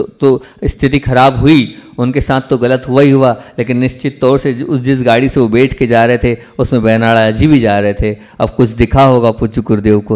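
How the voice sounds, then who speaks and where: A man preaching a sermon in a mid-range voice, acting out a story as he goes. He repeats phrases for emphasis, drops to a hush, then surges up loud again. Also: mid-range voice. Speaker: Jain monk preacher.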